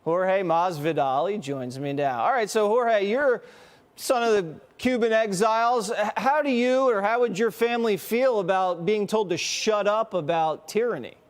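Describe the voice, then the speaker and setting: A man hosting a news interview show, who asks questions in a brisk and wry way with a joking edge. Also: high-pitched.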